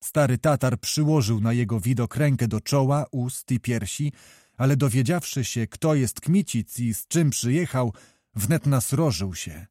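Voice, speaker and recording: A man narrating a historical novel as an audiobook in a measured, even storytelling manner. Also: mid-range voice, no room sound, clean studio sound.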